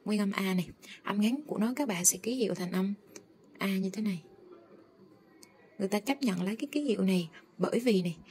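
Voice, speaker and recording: A woman teaching English phonics, slowly drawing out and repeating each sound as she models it. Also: mid-range voice, darkish tone, slightly rough. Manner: slow, drawn-out modeling of sounds. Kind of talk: phonics lesson.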